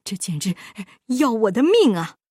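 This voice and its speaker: A woman's voice: on the high side, expressive, moderate pace, husky, no echo, studio quality. A woman voicing a stingy, greedy old landlord who stammers and blusters in a storybook reading. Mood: stammering greed. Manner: stammering, grasping, indignant.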